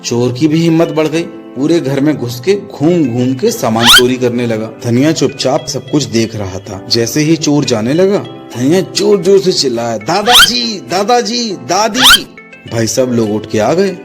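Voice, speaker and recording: A man's voice: mid-range voice, moderate pace, few pauses, loud music behind the voice. A man narrating a comic story in a plain, matter-of-fact way. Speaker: joke narrator.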